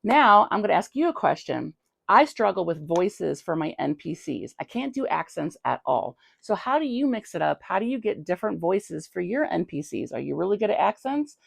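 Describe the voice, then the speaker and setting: A woman's voice: lowish voice, sing-song, normal speed, vocal fry, no room sound. A woman hosting a tabletop gaming channel, chatting casually and conversationally as she answers a viewer's question. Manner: chatty, conversational, thinking aloud. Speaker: tabletop game master and channel host.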